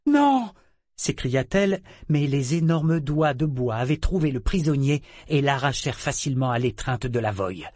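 A man's voice: medium pitch, breathy edge, no room sound, studio quality. Man giving dramatic audiobook narration. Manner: dramatic, expressive reading. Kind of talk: scripted novel narration.

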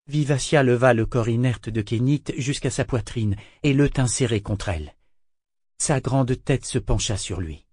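A man narrating a fantasy novel in a steady, measured way. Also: medium pitch, no room sound, clean studio sound. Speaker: audiobook narrator. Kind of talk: dramatic audiobook narration.

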